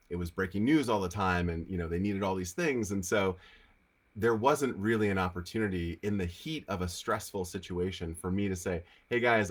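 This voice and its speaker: A man with a Rhode Island accent and a slightly nasal, congested voice, casually hosting a question-and-answer session in a conversational, encouraging way. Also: low-pitched. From Rhode Island, United States. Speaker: host of a live Q&A. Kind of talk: casual spiritual teaching, answering viewer questions. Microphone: on camera with lighting setup.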